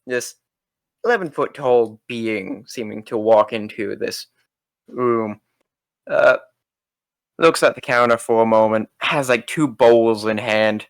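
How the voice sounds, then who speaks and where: A man narrating as game master in a casual, halting way. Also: mid-range voice, no echo. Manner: casual, with frequent fillers.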